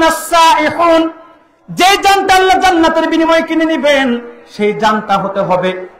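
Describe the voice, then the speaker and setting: A very high-pitched male preacher gives a fiery sermon, firing questions at the crowd and breaking into shouts and chanted verses. His voice rings through an echoey amplified venue. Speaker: Islamic preacher. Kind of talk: impassioned sermon to a large gathering.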